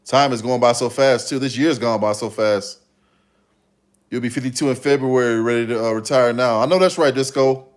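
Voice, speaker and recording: This fifty-something livestreamer answers his chat at a moderate pace, his voice at a typical male pitch. He talks casually and meanders, looping back to repeat the same phrases.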